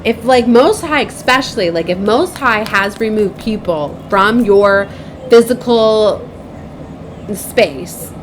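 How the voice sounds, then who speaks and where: The recording is rough, with slight background noise, as a woman with a mid-range, lively voice takes her time hosting a casual spiritual vlog. A tarot reader and spiritual advisor, she rambles, repeats points, frequently asks for agreement through tag questions, and dramatizes dialogue she recalls.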